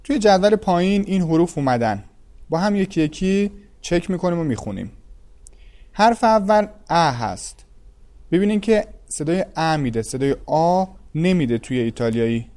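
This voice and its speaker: Man teaching a language lesson, slightly higher voice, slow and clear sounding-out of each vowel. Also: expressive, mellow.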